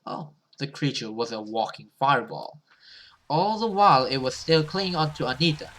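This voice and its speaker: In a poorly recorded let's play, a man reads a horror visual novel aloud with theatrical drama and casual swearing on the side. His medium-pitched voice is animated and fairly bright, moving at a moderate pace.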